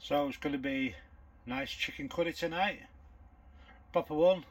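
A man's voice: on the high side, vocal fry, poor audio. An older man, chatting casually to camera in a bankside bivvy while he fishes and cooks a curry. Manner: chatty, matter-of-fact running commentary. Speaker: angler vlogger. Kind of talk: casual vlog narration while cooking. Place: bankside bivvy outdoors at dusk.

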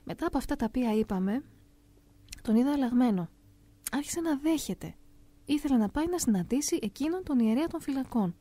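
Middle-aged woman, storyteller, calm measured delivery, mellow tone, dry close sound. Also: sits high, dry recording. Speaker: narrator of a personal testimony. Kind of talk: first-person storytelling read aloud.

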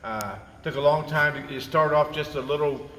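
A man's voice: a little high, fairly bright tone. A man in his fifties, a school coach, chatting enthusiastically with repeated words and fillers. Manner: enthusiastic, repetitive, halting with fillers. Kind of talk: casual on-camera chat. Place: large school gymnasium. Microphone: camera at a distance. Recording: roomy gym with long reverb, faint noise.

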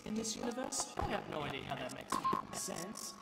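A man's voice: sits high, lively intonation, normal speed, bright, forceful tone, heavily acted, poor audio. A man voicing a cocky, foul-mouthed animatronic villain in a game, taunting and swaggering. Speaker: game character.

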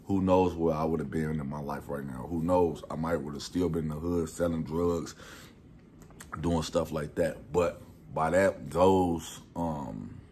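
A young man with a Chicago accent telling a personal story, acting out scenes with sudden loud bursts. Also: very deep voice, unhurried, slight background noise. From Chicago, USA. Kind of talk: storytime monologue.

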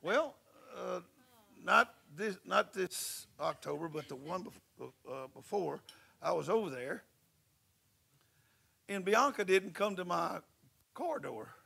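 A male preacher tells a story in a folksy, lively way. His voice is heavily gravelly and husky, and it sits a little high for a man. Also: slow, long pauses. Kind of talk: sermon with storytelling. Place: church service.

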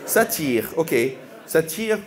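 A man's voice: a little high, big pitch swings, slow. A man doing stand-up comedy, quizzing the audience with playful, incredulous questions. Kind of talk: crowd-work stand-up comedy. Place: comedy venue with a live audience. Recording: live audience and room noise.

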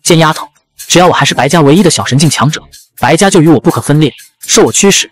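A male narrator voicing a ruthless middle-aged empress, cold and imperious, speaking fast. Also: low voice, expressive, husky. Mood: menacing.

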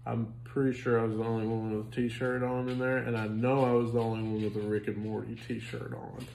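A man's voice: mid-range voice, a little fast, creaky, slight background noise. A man in his thirties chatting casually about a restaurant meal, rambling and joking, recorded at home on a phone camera. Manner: relaxed, rambling, jokey. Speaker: restaurant reviewer. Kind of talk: casual chat. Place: home living room, indoors. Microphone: phone camera on a stand. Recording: roomy echo.

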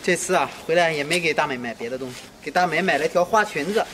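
A man's voice: a little high, fast, a bit bright, a little hiss or hum, natural voice. An actor playing an earnest young husband who pleads with his wife and reproaches his mother, repeating his questions. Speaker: husband returning from work away.

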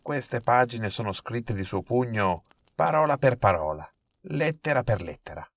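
A man voicing a nervous, miserly old male collector, fussy and quick to protest. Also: medium pitch, lively intonation, a little hiss or hum, pitched above the performer's own voice. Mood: indignant.

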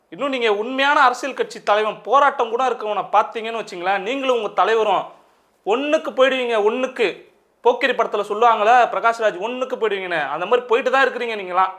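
A man's voice: high voice, pushed and bright. A man interviewing a guest, mocking and scolding him in a confrontational way.

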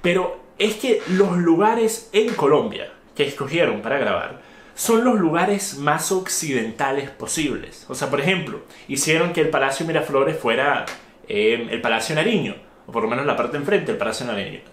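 A man's voice: on the high side, lively intonation, normal speed, roomy sound. A man giving an opinionated, indignant review monologue, stressing his points with rhetorical questions. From Venezuela. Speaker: video commentator.

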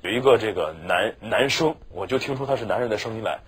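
A man's voice: on the low side, fast talker, breathy edge. A male teacher giving a chatty exam-prep lecture, often checking with his students for agreement. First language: Mandarin Chinese. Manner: chatty, keeps asking "是吧" for agreement.

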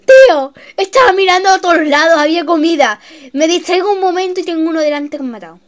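A young woman giving excitable, self-mocking gameplay commentary, swinging between shrieks and mutters. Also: very high voice, fast. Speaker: gaming youtuber.

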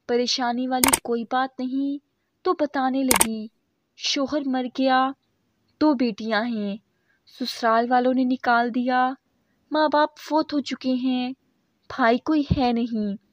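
High-voiced woman reading a story. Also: no room sound. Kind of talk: scripted narration of a moral story. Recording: dry, dull lo-fi sound.

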